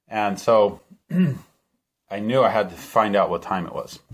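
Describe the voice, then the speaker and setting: A middle-aged man with a very deep voice tells the story of a vivid dream. He talks in a rambling, earnest way, stopping and restarting often and leaning on fillers. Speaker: channel host. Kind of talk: personal testimony to camera.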